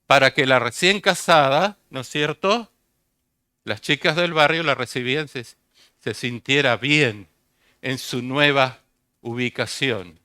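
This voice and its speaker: A man's voice: medium pitch, a little slow, bright, forceful tone, smooth, dry recording, studio quality. An older man preaching a sermon as pastor, speaking, often asking the congregation questions and repeating key phrases.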